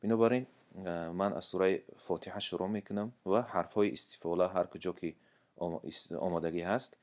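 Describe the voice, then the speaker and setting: A man with a Tajik accent teaching a lesson, explaining patiently with pauses and breaking into slow, drawn-out melodic recitation. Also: sits low, fairly even intonation, a little mellow.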